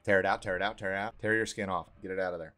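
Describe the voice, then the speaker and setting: A low-voiced man talks through a horror game, swearing constantly and trash-talking the monsters. His commentary is jumpy and crude, swinging between nervous muttering and loud taunts. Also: fairly even intonation, racing. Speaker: gaming YouTuber.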